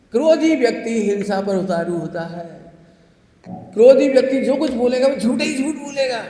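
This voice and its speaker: A man's voice: high voice, a little mellow. A man preaching a sermon in a folksy manner, often asking the audience rhetorical questions. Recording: echoey hall with long reverb.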